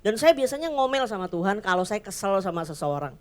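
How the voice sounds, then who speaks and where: A woman pastor giving a sermon in church, chatty and lively, often acting out little voices. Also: mid-range voice, fast. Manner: lively, conversational, acts out voices.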